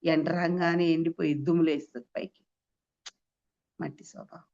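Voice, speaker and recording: Delivering testimony at a women's meeting, this Easter preacher leans on emphatic rhetorical questions and bursts into sudden high exclamations. Her voice is gravelly and a little mellow, with fairly even intonation at a normal speed, captured on a dull lo-fi recording.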